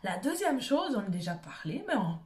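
A woman's voice: a little high, big pitch swings, a little fast, a little mellow. A woman with a Quebec French accent giving an informal motivational talk as a self-help coach, conversational and often checking in with short tag questions.

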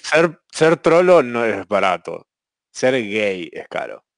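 A man with a Rioplatense Spanish accent answers as a podcast guest in casual chat, joking with dry humor. His pitch swings widely, and the recording sounds close and dry. His voice sits at a middle pitch. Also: sing-song, takes it slowly, no echo.

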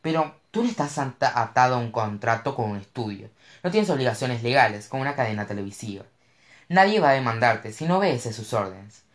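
A narrator doing a cocky young actor. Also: male voice, medium pitch, lively intonation, brisk, lightly acted. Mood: teasing, blunt. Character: rich young male actor, teasing, blunt. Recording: roomy echo.

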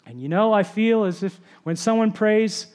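A man pastor preaching a sermon, often dropping to a soft, low voice to stress a point. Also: moderate pace, clean tone. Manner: drops to a soft low voice for emphasis.

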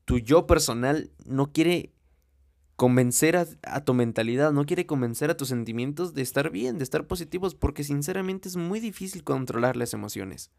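A young motivational speaker with a Mexican Spanish accent speaks animatedly at a moderate pace, his slightly high voice gravelly and darkish. He confronts the listener head-on in a blunt monologue laced with swearing.

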